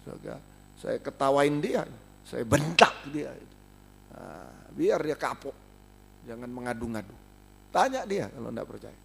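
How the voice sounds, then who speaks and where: A middle-aged male pastor preaching a sermon, with emphatic swings from loud exclamations to quiet asides. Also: medium pitch, big pitch swings, measured pace, gravelly, husky.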